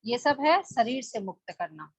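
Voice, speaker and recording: A woman's voice: on the high side, very animated, moderate pace, slightly rough, no echo. A woman leading a spoken book study, explaining plainly with rhetorical questions. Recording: dull lo-fi dry recording.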